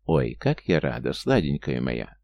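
A man's voice: extremely low pitch, big pitch swings, measured pace, creaky, darkish tone, no echo, voice pushed down, exaggerated voice. A man voicing a falsely sweet, gushing middle-aged aunt in an audiobook. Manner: sugary, effusive.

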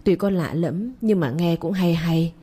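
A woman narrating a romance story in a steady, emotive reading style. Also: lowish voice, unhurried, slightly rough.

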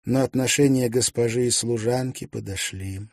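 A man voicing a lonely young gentlewoman who speaks gently but decisively, in an audiobook. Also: mid-range voice, fairly even intonation, moderate pace, no room sound, studio quality, pitched above the performer's own voice, close to an everyday voice. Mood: earnest kind. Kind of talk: audiobook character voice.

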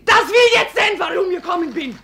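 A woman's voice: high-pitched, very animated, moderate pace, slight background noise. An actress playing a desperate, tearful young servant girl who speaks broken German, in 1950s radio play style. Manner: broken German, pleading then defiant.

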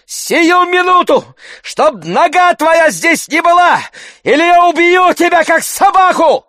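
A raging gentleman, high shouting, slow heavy commands, dry close sound. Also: animated, no room sound, full character voice. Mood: furious. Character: furious gentleman, pale and shaking with rage.

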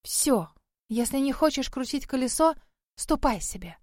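A woman's voice: high-pitched, expressive, a little slow, darkish tone, no echo, pitched above the performer's own voice. A woman narrator puts on a cranky female spirit who lives in a well. She grumbles and scolds in a slightly raised voice. The sound is dry and close. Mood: grumbling, scolding.

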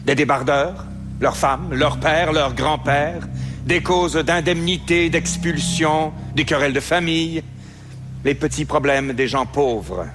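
An actor playing a reflective, wry immigrant lawyer who narrates a stage play in a measured, musing tone. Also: male voice, a little high, music in the background. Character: reflective middle-aged Italian-born immigrant lawyer, wry. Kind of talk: theatrical stage monologue.

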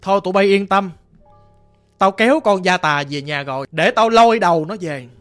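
Storyteller doing a gruff Southern Vietnamese exorcist. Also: medium pitch, animated, moderate pace, fairly bright tone, close to an everyday voice. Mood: assured. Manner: blunt, commanding, self-assured. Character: gruff middle-aged male village exorcist. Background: faint music.

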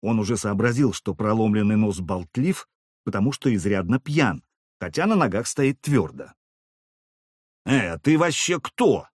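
A man reading a novel aloud as a narrator with expressive, lively storytelling. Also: lowish voice, normal speed, husky, no echo, clean studio sound. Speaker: audiobook narrator. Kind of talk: scripted narration.

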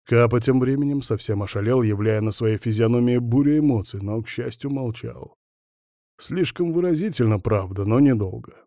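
A man reads a first-person audiobook with a gruff, curt delivery. His voice is mellow and dark at a middle pitch. The recording is dry and close, with no room sound. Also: normal speed, no room sound. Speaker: audiobook narrator.

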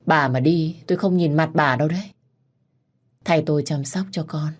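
A woman reading as a gentle grieving father. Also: low voice, moderate pace. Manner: gentle, resigned. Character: weary grieving old father. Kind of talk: storybook reading.

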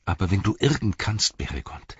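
A man voicing a small, frightened young hobbit who pleads urgently in a raised, husky voice. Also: deep voice, sing-song, normal speed, dry recording, pitched above the performer's own voice, full character voice. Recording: dull, dry recording.

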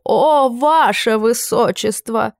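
A woman voicing a flustered, fawning older duke, with slow, drawn-out exclamations. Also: on the high side, no room sound, clean studio sound, pitched above the performer's own voice.

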